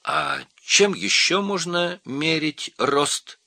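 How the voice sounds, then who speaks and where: A man voicing an excitable little female monkey in a storybook reading, with squealing, shrill exclamations. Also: slow pace, creaky, no echo, clean studio sound, full character voice. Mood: excited.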